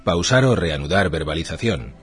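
A low-voiced man narrates an instruction manual. His intonation swings noticeably while he reads short labelled items formally. Faint music plays behind him. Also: animated, moderate pace, slightly rough.

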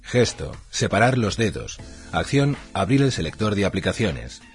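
A man's voice: lowish voice, very animated, normal speed, faint music behind. A man reading a scripted instructional manual in a formal way, item by item in short labelled phrases.

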